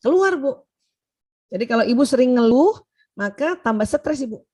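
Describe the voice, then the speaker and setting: A woman's voice: high voice, expressive, moderate pace, a little mellow, breathy edge. A middle-aged woman giving an informal health talk to mothers, chatty, with frequent "ya" and direct address to her listeners. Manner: chatty, addresses the audience as "Bu", often adds "ya".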